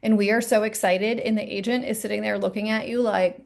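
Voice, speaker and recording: A woman co-presenting a training session, telling stories in a quick, animated way. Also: medium pitch, gravelly. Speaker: team leader and co-presenter. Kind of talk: casual training talk.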